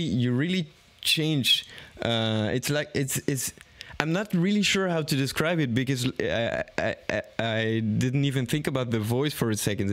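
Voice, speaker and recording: A young man in his twenties hosting a podcast from a small home studio, talking thoughtfully and often searching for words. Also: mid-range voice. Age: 20s. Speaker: podcast host. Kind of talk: casual podcast conversation. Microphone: studio microphone on an arm, headphones on.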